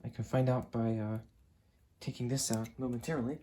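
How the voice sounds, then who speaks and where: This young adult unboxing creator chats casually about the item he's handling, his mid-range voice dark, a little fast, and fairly flat in pitch. The setting is a small carpeted room at home with a computer desk, with clear background noise, crinkling packaging and clicks.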